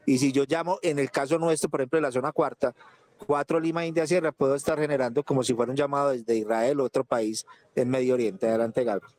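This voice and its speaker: A man's voice: medium pitch, steady tone, fast talker, a little mellow, no echo. A man explaining a point in a group discussion. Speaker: participant.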